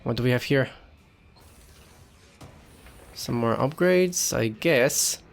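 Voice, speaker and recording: A man's voice: mid-range voice, lively intonation, slow, creaky. A man giving casual gameplay commentary as a let's player, talking himself through the game and reading in-game text aloud.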